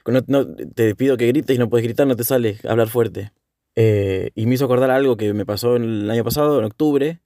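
This host, a young man speaking Rioplatense Spanish, muses through a relaxed solo reflection, often pausing and revising what he's just said. He has a warm, medium-pitched voice, recorded dry at studio quality.

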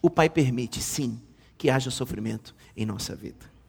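A middle-aged man, a bishop preaching a sermon, telling family stories in a playful, animated way with sudden loud exclamations. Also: medium pitch, moderate pace, creaky, breathy edge. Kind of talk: sermon with comic family storytelling.

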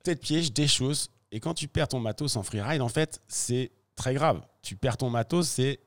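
A pro freeride skier recounts a story during a laid-back interview, his voice medium in pitch and his pace moderate. He's animated and full of slang, acting out each scene as he tells it.

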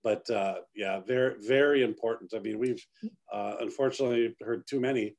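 A man, a real estate agent, talking casually on a podcast in a measured way, with short asides. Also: lowish voice, fairly even intonation, darkish tone.

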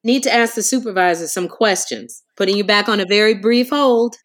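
A woman's voice: mid-range voice, brisk, fairly bright tone, close to an everyday voice. A woman playing an unflappable, officious airline agent with a polished customer service voice in a comedic phone drama. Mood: placating, firm.

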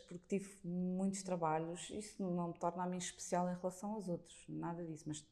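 A woman with a European Portuguese accent and a mellow, relaxed timbre. Her voice sits a little low. She talks reflectively and earnestly, offering encouragement as a guest in a personal conversation. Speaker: podcast guest, workshop leader.

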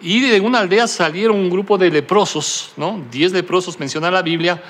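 A man's voice: sits high, normal speed, fairly bright tone. A middle-aged man preaching a sermon as a pastor, telling a story with frequent tag questions and some self-deprecating humor.

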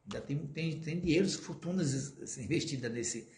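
A man's voice: a little high, moderate pace, darkish tone. Brazilian man lecturing in an echoey hall. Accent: Brazilian Portuguese. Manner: conversational, asks the audience questions and jokes. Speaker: spiritist lecturer. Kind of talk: spiritist lecture to a live audience.

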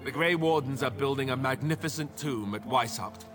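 A man's voice: medium pitch, normal speed, natural voice. An actor playing a solemn, newly crowned king in a video game, speaking in formal, kingly public oratory. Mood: solemn, grateful. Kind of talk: scripted video game cutscene speech. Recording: game audio with music behind. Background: music.

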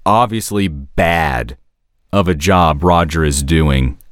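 A man hosting a podcast in casual analytical conversation, often pausing to search for words and rephrase. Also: rumbling low, no echo, clean studio sound. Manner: hesitant, searching for words, self-correcting. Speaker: podcast host discussing an animated series.

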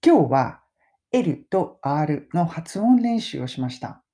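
A middle-aged woman with a low, dark, mellow voice gives a relaxed pronunciation lesson. She speaks, and her pitch rises and falls in a lively way as she chats. She slows right down to model English phrases for repetition. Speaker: English pronunciation teacher and podcast host. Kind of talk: casual spoken lesson.

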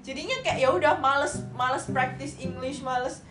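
A woman's voice: high voice, moderate pace, a bit bright, reverberant, soft background music. A young woman from Surabaya with an East Javanese accent, chatting casually, laughing often and mixing in English phrases. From Surabaya, Indonesia. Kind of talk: casual chat.

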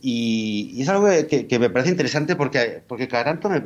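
Animated man, chatty co-host. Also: medium pitch, a little fast, highs cut off. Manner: animated, acts out quoted voices, many restarts. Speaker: podcast co-host. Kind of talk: casual chat.

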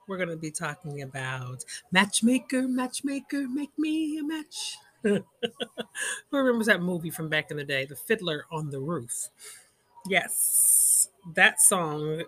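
A woman's voice: fairly low pitch, a bit bright, slightly rough. A woman hosting her own podcast, talking casually and animatedly, laughing often. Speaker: podcast host. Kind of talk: casual solo podcast chat.

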